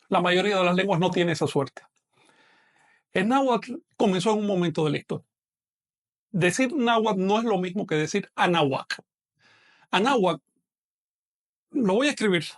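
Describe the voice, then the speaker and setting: A man giving an online language lecture, explaining patiently and slowing down to model pronunciation. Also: high-pitched. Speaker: language teacher.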